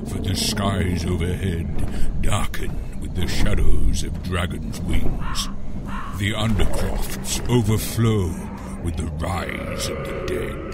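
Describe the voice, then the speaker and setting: A grave fantasy herald greets wary travelers, voiced by a man. The voice sits very low and moves slowly and ominously. Loud music plays underneath. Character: solemn male tavern herald welcoming travelers. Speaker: intro announcer. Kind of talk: dramatic fantasy intro narration. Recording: loud music bed behind the voice.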